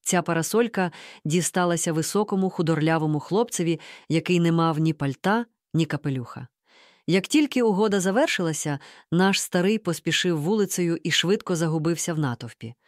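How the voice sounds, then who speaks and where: A woman reading a story aloud in the first person, with lively, expressive narration into a close mic. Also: on the low side, fairly quick, dry recording. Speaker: audiobook reader.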